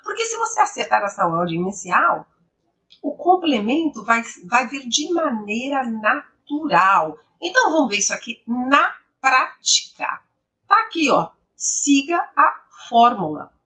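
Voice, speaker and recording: A woman teaching English grammar, explaining slowly and repeating each example sentence with emphasis. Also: high-pitched, sing-song, pushed and bright, distant mic.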